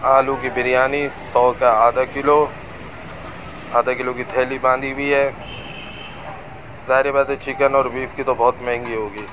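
A Pakistani male vlogger narrates a street tour of a busy outdoor market, recorded on a camera on a moving bike. His mid-range voice is flat and measured, with frequent pauses. Traffic and crowd noise make the recording noisy.

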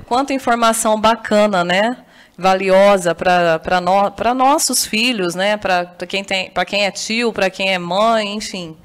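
A Brazilian woman hosting a TV interview, enthusiastic and quick to chime in with agreement. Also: mid-range voice. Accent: Brazilian Portuguese. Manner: enthusiastic, frequent affirming interjections. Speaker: TV interview host. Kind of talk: TV studio interview.

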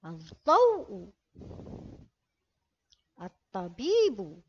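A woman teaching a children's reading lesson, reading slowly and carefully and drawing out each word. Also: medium pitch, wildly swooping pitch, slight background noise. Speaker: primary school teacher. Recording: dull lo-fi recording.

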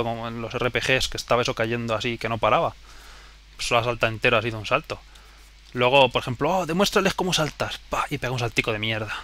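A young man from Spain, speaking at a medium pitch in a pushed, bright voice, gives live let's play commentary on a video game. He keeps it casual and funny and swears a lot, while video game music plays behind him.

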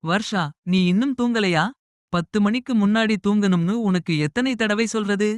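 A caring middle-aged mother with a gentle but firm, soothing way of talking, as a male narrator puts her on. Her voice sits a little higher than the reader's own, and the recording is dry and close. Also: normal speed, clear, resonant tone, no room sound, lightly acted. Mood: tender. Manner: soft scolding, tender and reassuring.

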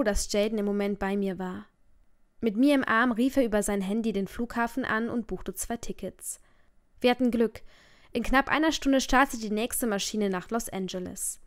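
A woman's voice: medium pitch, clear, resonant tone. A woman narrating a first-person audiobook in an emotive storytelling manner.

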